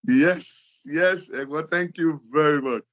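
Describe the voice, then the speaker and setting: Slow, respectful Nigerian male host. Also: on the high side, fairly bright tone, no room sound. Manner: slow, deliberate and respectful, with frequent thanks. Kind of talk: hosting an interview show, mixing English and Yoruba.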